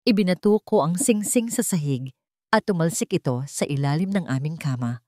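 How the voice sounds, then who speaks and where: This is a woman reading a romantic drama aloud, her voice low and warm, her intonation lively, and her pace moderate. It's scripted first-person narration, captured dry and close with hardly any sense of a room.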